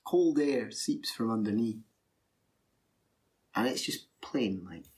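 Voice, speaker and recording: A man telling a first-person fairy tale in a lively, animated way, full of wonder. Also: fairly low pitch, slow pace. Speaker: storyteller.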